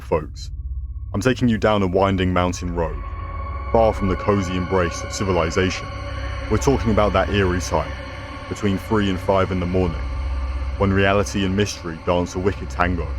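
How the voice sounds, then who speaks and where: A man narrating scripted horror stories as a host, with a theatrical, ominous horror-host delivery. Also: sits low.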